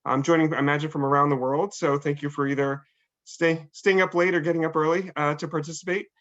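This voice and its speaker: Guy hosting a zoom panel, flat even voice, lots of uhs, muffled call audio. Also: on the high side. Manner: halting, many fillers and restarts. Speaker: admissions dean hosting a panel. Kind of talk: online panel welcome. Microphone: video call. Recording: dull lo-fi video call audio.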